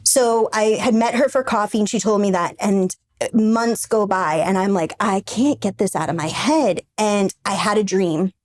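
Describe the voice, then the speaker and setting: A woman's voice: mid-range voice, moderate pace. A woman, a brand founder, talking as a podcast guest in a casual, chatty way, full of fillers and restarts.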